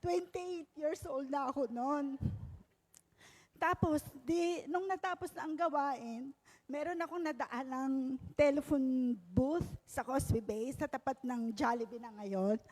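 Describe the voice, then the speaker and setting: Woman, 50s, from Pangasinan, high-pitched testimony voice acting out dialogue, recorded in a large reverberant hall. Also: unhurried. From Pangasinan, Philippines. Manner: lively storytelling, acting out dialogue. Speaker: testimony giver at a prayer meeting. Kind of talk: personal testimony.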